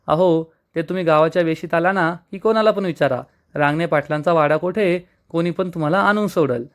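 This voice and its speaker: A man reading the lines of a gentle, patient young woman in a calm, polite way. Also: on the high side, a little fast, lightly acted.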